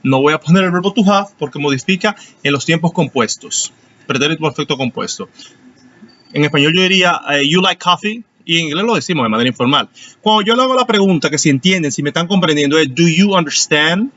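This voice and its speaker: A man's voice: fairly high pitch, animated, fast, fairly bright tone, lo-fi sound. A man who is a teacher, explaining grammar to students in an online class and calling on them by name. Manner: explanatory, asks students questions. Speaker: English teacher.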